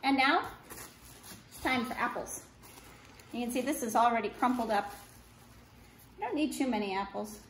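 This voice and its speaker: This middle-aged art teacher, working with her hands at a wooden table in an indoor room, takes children through a craft step by step in short, simple, unhurried phrases. She has a fairly high pitch and a fairly bright tone. The camera, placed a couple of meters away, records roomy echo and faint background noise.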